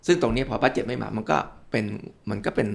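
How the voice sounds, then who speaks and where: A man's voice: mid-range voice, lively intonation, quick pace, creaky. An older male physician from Thailand, a guest in an interview, explaining with worked examples and politely addressing the listeners.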